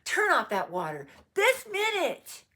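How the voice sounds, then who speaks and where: A woman playing a sharp, scolding lady of the house. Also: high voice, huge pitch swings, a little slow, pitched above the performer's own voice, exaggerated voice.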